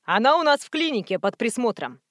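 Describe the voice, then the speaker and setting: Stern doctor read by a woman, firm, lecturing, fairly high, dry. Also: very animated, a little fast, no room sound. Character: stern, irritable male doctor.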